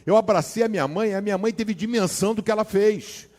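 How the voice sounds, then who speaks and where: A Brazilian man preaches in a casual, slang-filled way, dropping to hushed asides and then rising into loud, dramatic storytelling. His voice sits fairly high for a man. Long reverb from a large hall trails after his words. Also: fairly quick. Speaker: pastor. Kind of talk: sermon with personal storytelling.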